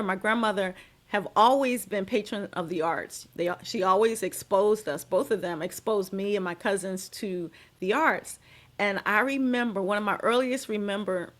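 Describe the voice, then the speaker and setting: A middle-aged American woman, a guest on a podcast interview, telling her story with expressive, emphatic phrasing. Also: mid-range voice. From United States. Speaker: guest, dance and movement healer.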